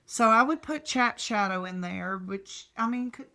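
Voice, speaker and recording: A woman's voice: mid-range voice, bright, forceful tone. An older woman co-hosting a podcast from a hotel room, rambling through stories with restarts. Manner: slow, rambling storyteller with restarts. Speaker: podcast co-host. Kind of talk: casual chat.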